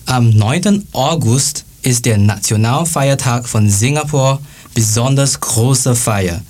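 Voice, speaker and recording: Casting note: man, slow and careful reader of a scripted presentation. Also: mid-range voice, a little mellow. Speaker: student presenter. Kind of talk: read-aloud presentation.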